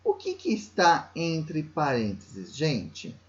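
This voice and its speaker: A man's voice: on the high side, wildly swooping pitch, takes it slowly, dull audio. A man teaching primary school children, patiently explaining a workbook exercise with a Brazilian Portuguese accent, often checking in with tag questions.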